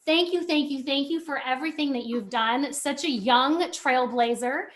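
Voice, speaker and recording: Casting: woman, high voice, bubbly emcee on a video call, cheering guests on. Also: moderate pace, fairly bright tone. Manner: bubbly, enthusiastic. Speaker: co-host, emcee. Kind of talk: upbeat emcee introductions.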